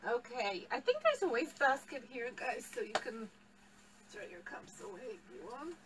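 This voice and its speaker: A middle-aged woman with a Polish accent teaches a live tea tasting class in a tea shop, explaining and laughing often. A camera across the table picks her up from a distance, so the recording is rough. Her voice is a little high with big pitch swings, at a moderate pace.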